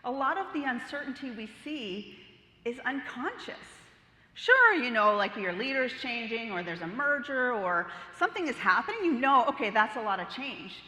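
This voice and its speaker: A middle-aged woman giving a lively keynote talk to an audience, telling playful stories and asking the crowd questions. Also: on the high side, moderate pace. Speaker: keynote speaker. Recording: roomy hall reverb.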